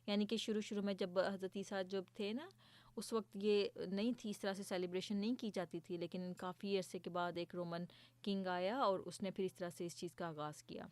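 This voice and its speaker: A woman voicing a patient mother who gently explains things to her sons in a storybook. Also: medium pitch, steady tone, no echo, close to an everyday voice. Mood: explaining.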